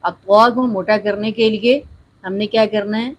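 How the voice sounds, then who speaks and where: A woman teaching Quran recitation step by step. She explains each sound, demonstrates with slow drawn-out recitation, and keeps checking in with the listener. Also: medium pitch, steady tone, lo-fi sound, slight background noise.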